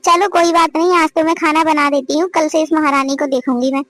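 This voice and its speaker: Brief: female VO for a stingy, harsh cartoon mother-in-law, commanding scolds, very high voice. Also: flat delivery, brisk, fairly bright tone. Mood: scolding. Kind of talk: cartoon family drama voice acting.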